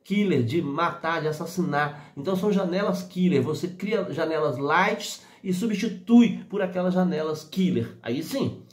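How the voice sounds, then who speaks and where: A man gives a motivational talk to his phone's selfie camera, his voice set fairly high. He acts out quoted people and laughs easily. The room around him is echoey. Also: expressive, normal speed. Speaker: motivational speaker.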